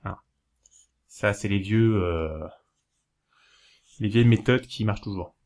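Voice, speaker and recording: A man talking casually to camera, giving practical tips in a rambling, hesitant way, with many fillers and self-corrections, slowing down to spell things out. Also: lowish voice, darkish tone. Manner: explains slowly, spelling things out while writing. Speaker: video host giving learning tips.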